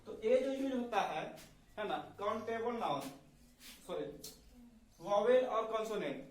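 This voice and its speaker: A man's voice: high voice, lively intonation, measured pace, a little hiss or hum. A man teaching a classroom lesson, often asking the class questions and repeating them. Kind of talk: classroom lesson with call-and-response. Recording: echoey room, voice from far off.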